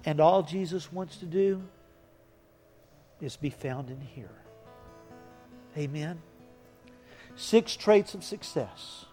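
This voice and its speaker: A man's voice: a little high, mellow. A man preaching a sermon, telling stories that build to emphatic points. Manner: storytelling, rising to emphatic. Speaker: pastor. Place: church sanctuary. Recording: echoey church hall with faint music.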